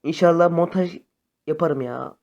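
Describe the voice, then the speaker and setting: A young man chatting casually to his viewers over phone gameplay, excitable and friendly. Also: a little high, normal speed, creaky, lo-fi sound. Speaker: gaming YouTuber. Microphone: phone camera facecam.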